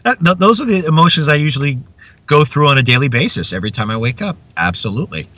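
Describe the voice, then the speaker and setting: A young adult man, a podcast guest, chatting playfully and quick with jokes. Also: a little high, sing-song, pushed and bright. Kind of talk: joking podcast chat.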